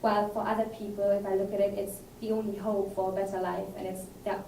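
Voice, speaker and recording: A woman's voice: mid-range voice, little pitch movement, fast talker, creaky, mellow. A young woman from Germany giving an earnest, emphatic student presentation at a conference. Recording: roomy hall, distant mic, faint noise.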